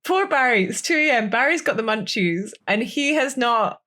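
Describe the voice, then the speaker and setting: A woman's voice: on the high side, expressive, moderate pace, bright, forceful tone. A woman co-hosting a podcast in casual chat, telling stories playfully and often restarting her sentences with "like". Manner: playful, with frequent restarts and filler "like". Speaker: podcast co-host.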